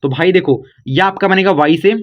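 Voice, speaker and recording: A man runs a casual online spelling lesson, talking to viewers like friends. His voice sits high. The recording is slightly muffled and lo-fi. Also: normal speed. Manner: chatty, repeats "bhai" and "guys" to viewers. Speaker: online English teacher.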